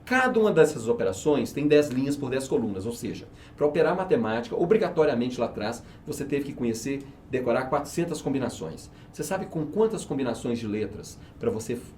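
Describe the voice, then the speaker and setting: The interview guest, a research and market manager, speaks a little fast in a medium-pitched, slightly mellow voice, very animated as he explains how he teaches. He persuades with emphasis and frequently answers his own rhetorical questions, and a bit of hiss or hum is present.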